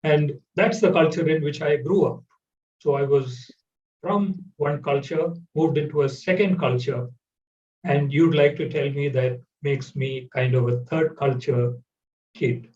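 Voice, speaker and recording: A man interviewing a guest in a measured, hesitant way with many fillers, heard over a video call. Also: on the high side, a little mellow. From India. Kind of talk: conversational interview. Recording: roomy, distant, dull audio.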